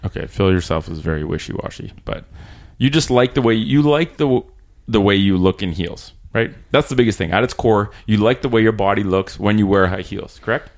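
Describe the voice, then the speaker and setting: Low-voiced man hosting a casual podcast. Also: animated, a little fast. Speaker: podcast host. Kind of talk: casual interview chat. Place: small room in a rented apartment.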